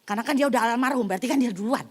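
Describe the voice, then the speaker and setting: A middle-aged woman pastor preaching a sermon, telling stories in an animated way and acting out the scenes. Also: on the high side, very fast, husky. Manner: animated storytelling, acting out scenes with cries and shouts. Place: church service in a hall.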